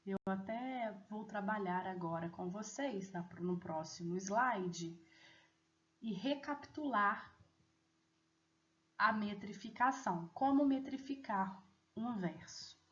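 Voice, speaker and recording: A woman teacher explaining a lesson deliberately, often checking in with students. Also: medium pitch, expressive. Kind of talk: recorded online lesson. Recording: echoey, dull lo-fi room audio.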